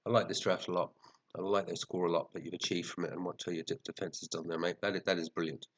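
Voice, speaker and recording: Male fantasy football host, deep register, bunged up and sniffly, chatty off-the-cuff commentary with mild swearing. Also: level tone, fast, highs cut off. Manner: chatty, muttering to himself, mildly sweary. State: sniffly, congested with a head cold. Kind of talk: casual rambling commentary reviewing team scores.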